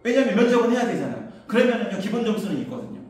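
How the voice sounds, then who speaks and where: A man's voice: big pitch swings, racing, a little mellow, slight background noise. Echoey man lecturing from afar. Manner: chatty, anecdotal, raises pitch to project. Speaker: academy instructor presenting to parents. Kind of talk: info session lecture. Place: lecture room. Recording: distant mic, very echoey hall.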